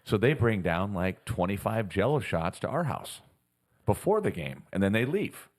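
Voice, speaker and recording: A man's voice: lowish voice, normal speed. A middle-aged man co-hosting a podcast, telling stories in casual chat and laughing as he goes. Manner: animated storyteller, laughs through stories. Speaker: podcast co-host.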